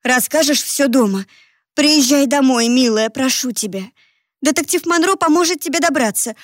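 A woman reading as a worried middle-aged mother, anxious and sighing, loving yet disapproving. The voice sits a little high and close to the ear, with no room sound. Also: normal speed, no room sound, lightly acted. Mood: pleading.

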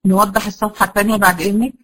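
An Egyptian woman gives a classroom lesson in Quran recitation. She keeps putting questions to her students and answering them herself, and she stretches out the key terms slowly. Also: medium pitch, little pitch movement, a bit bright, low-quality recording. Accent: Egyptian Arabic. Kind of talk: classroom lecture.

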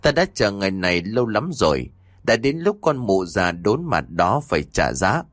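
A man voicing a cold, vengeful sorceress in an audio story, speaking menacingly in his own low voice. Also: very animated, moderate pace, fairly bright tone, no room sound.

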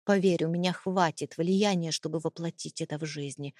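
A woman's voice: low-pitched, steady tone, moderate pace, a little mellow, no room sound, clean studio sound, close to an everyday voice. A woman reading an audiobook, voicing a cold, contemptuous, domineering husband with a mocking, menacing manner. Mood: cold menace.

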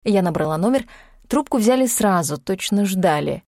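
A woman narrating a first-person audiobook in a lively, expressive way. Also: mid-range voice, normal speed, dry recording, studio quality.

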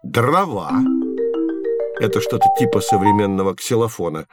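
Over loud background music, a man with a fairly low, animated voice speaks at normal speed in a lightly acted style. Performing as a patient, knowledgeable guide for children, he tells his scripted lesson like a story, phrasing each explanation clearly.

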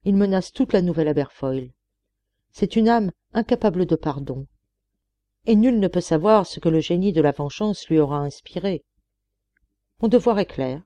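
Woman voicing an earnest young woman in a storybook, self-sacrificing, pleading, mellow warm tone, close dry sound. She speaks with quiet resolve. The voice stays soft and dark. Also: fairly low pitch, animated, normal speed, long pauses, no room sound, close to an everyday voice. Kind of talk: audiobook character reading.

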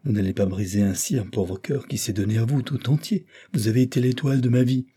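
A man's voice: mid-range voice, a little fast, mellow, breathy edge, close to an everyday voice. A man voicing a lovesick, anxious shopkeeper, stammering and pleading in an audiobook.

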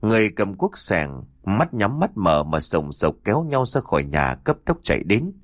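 A man narrating a horror audiobook in a slow, dramatic storytelling manner. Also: lowish voice, big pitch swings, no echo, clean studio sound.

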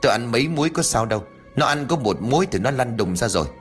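A man playing a stern, hot-tempered middle-aged village uncle in a spoken ghost story, barking rushed orders. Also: mid-range voice, big pitch swings, faint music behind, natural voice. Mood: impatient.

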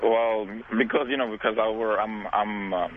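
Hesitant caller on phone. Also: male voice, on the low side, steady tone, normal speed, a little hiss or hum. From Syria. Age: 20s. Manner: hesitant, full of fillers. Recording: tinny phone line.

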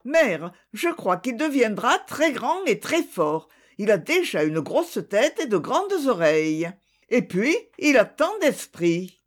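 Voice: mid-range voice, very animated, slow, pitched above the performer's own voice. A storyteller voicing a clever little farm girl who pleads eagerly to keep her donkey. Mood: pleading. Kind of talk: storybook reading.

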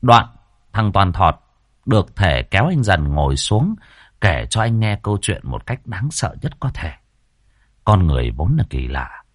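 A man narrating a ghost story in a lively, playful storytelling manner. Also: low-pitched, unhurried, no echo, clean studio sound.

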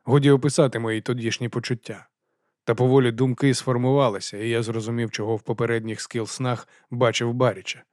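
A man narrating a first-person fantasy audiobook in a measured, quiet storytelling voice. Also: mid-range voice, little pitch movement, no room sound, clean studio sound.

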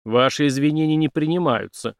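A gruff male officer, as a man reads him in an audiobook, combative and sardonic. He pushes his questions hard and mockingly. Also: a little high, fairly quick, no echo, studio quality, pitched above the performer's own voice, close to an everyday voice. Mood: gruff challenging.

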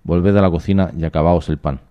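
A man's voice: low-pitched, fairly even intonation, fairly quick, muffled recording, close to an everyday voice. A man reading the lines of a stern, condescending village priest in a storybook reading. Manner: condescending, questioning. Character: stern middle-aged male village priest.

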